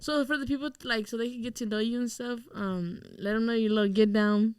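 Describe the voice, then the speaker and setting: A woman's voice: a little high, steady tone, brisk, darkish tone, smooth, no room sound, clean studio sound. Brash, teasing woman podcast host. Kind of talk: casual chat. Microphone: headset mic.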